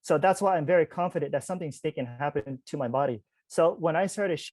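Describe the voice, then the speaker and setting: A man in his forties, a spiritual teacher appearing as a podcast guest, tells a personal story in a casual, animated, chatty way. His voice is fairly high and quick, with no room sound, and he keeps turning to listeners with asides full of "like" and "you guys."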